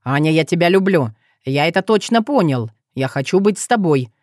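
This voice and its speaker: A woman reading the part of a pushy young man, a jilted childhood friend who pleads and yells. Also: low-pitched, expressive, moderate pace, no room sound, studio quality. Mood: pleading. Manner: pleading, then shouting.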